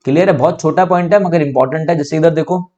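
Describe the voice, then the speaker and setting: A man's voice: a little high, fast, mellow. A young man with an Indian accent teaching an online English grammar lesson, explaining step by step and asking and answering his own questions. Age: young adult.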